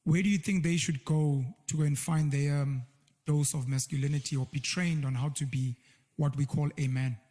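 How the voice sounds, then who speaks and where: A South African man hosting a casual interview, asking questions in a relaxed way with the odd joke. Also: fairly high pitch, moderate pace, big-room sound. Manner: relaxed, asks questions and jokes. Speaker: host.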